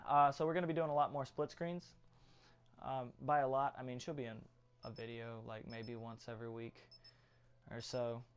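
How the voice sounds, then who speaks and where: A man's voice: mid-range voice, little pitch movement, normal speed, clear, resonant tone. A young man hosting a gaming channel, chatting casually in a rambling, joking way with lots of ums and uhs.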